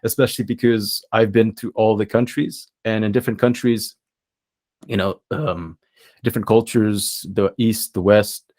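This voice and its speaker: A young man from the Philippines, a podcast guest, talking casually and thoughtfully with many pauses and fillers. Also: on the low side, fairly even intonation, darkish tone.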